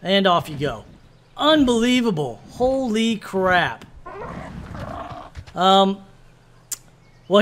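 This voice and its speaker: Man with a high, lively voice. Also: slight background noise. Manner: animated, exasperated mock-ranting. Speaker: gaming channel host. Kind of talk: let's-play commentary.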